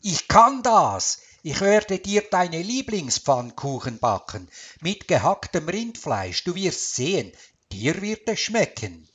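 Storybook husband, smug, slow and lively as a man reads him. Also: high-pitched, breathy edge, voice pushed up, exaggerated voice. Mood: boastful. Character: husband, boastful and mocking. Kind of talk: storybook voice acting.

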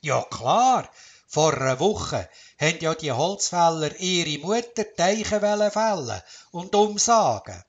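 A man with a Swiss German accent narrating a children's storybook in a calm, measured way. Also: on the high side, muffled recording.

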